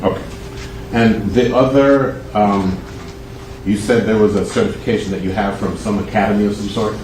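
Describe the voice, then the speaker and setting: The man here is a defense attorney working through a cross-examination, speaking at normal speed in a lowish, fairly even voice. Picked up by echoey, noisy, far-off courtroom audio, he digs at the witness and reframes his questions.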